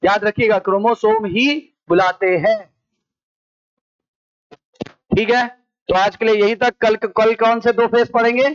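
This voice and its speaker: Indian man, biology teacher, high voice, dry dull recording, drills questions repeatedly. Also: steady tone, unhurried, long pauses, dry recording. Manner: repetitive question-and-answer drilling. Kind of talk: classroom lecture. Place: coaching classroom.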